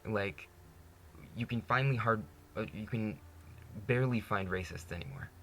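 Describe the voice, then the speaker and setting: Low gravelly young man talking candidly. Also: moderate pace, a bit bright, slight background noise. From Canada. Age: 20s. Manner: earnest, candid, says "you know" constantly, laughs often. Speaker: vlogger. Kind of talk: personal monologue to camera.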